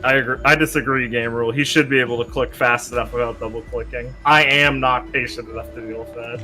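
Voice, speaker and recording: A man's voice: mid-range voice, steady tone, brisk, bright, forceful tone, poor audio. A man streaming a game, chatting casually in a blunt, teasing way with some swearing. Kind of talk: casual chat over gameplay. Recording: faint game music behind.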